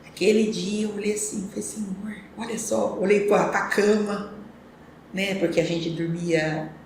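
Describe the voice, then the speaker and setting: A woman's voice: medium pitch, steady tone. Woman reminiscing in an echoey room. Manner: earnest, reflective, rambling storytelling with frequent pauses and restarts. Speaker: interview guest. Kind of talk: telling her life story in a podcast interview. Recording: echoey room with faint ambient noise.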